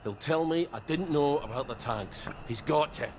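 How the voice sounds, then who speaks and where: An actor playing a gruff, sweary, weary ex-soldier in a video game, blunt and dryly sarcastic. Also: male voice, fairly high pitch, a little slow, darkish tone, a little hiss or hum, natural voice. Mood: bitter.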